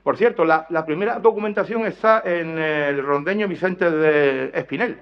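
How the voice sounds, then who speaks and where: Delivering a conference lecture about dialect words, a man speaks at normal speed in a smooth, fairly high voice. He explains with care, asks rhetorical questions and keeps restarting with apologetic self-corrections, captured in a dull, lo-fi recording.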